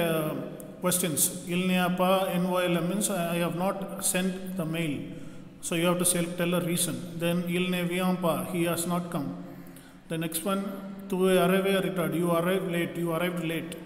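A man teaching a grammar lesson, explaining step by step like a classroom teacher. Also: high-pitched. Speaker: French teacher. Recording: echoey room with long reverb.

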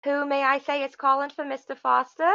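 A high, bright-voiced office receptionist, smug and officious, who talks down to every caller. She sounds patronizing and deliberately obtuse. The recording is slightly muffled and lo-fi. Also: little pitch movement, gravelly, full character voice. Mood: haughty, officious. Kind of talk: comedic short film acting.

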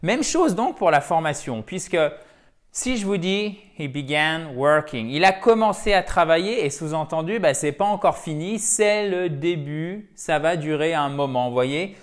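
A man's voice: a little high, normal speed. Man teaching an English grammar lesson. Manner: explanatory, checks in often with "d'accord?" and "ok?".

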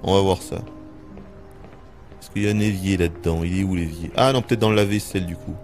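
A man's voice: deep voice, steady tone, fast, a little mellow, faint music behind. A man streaming a video game, joking crudely and reacting in casual let's play commentary.

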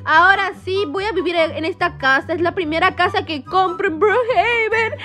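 Very high-voiced chatty woman. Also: moderate pace, sharp tone. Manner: chatty, giggly, dramatic. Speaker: roleplay gamer narrating her game. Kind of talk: casual game narration.

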